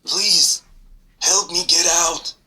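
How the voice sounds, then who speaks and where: A man's voice: sits high, steady tone, very slow, bright, forceful tone, distant mic, voice pushed up, exaggerated voice. A man voicing Grim, a trapped and exhausted male fae pleading for help with a guttural voice. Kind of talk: recorded game narration.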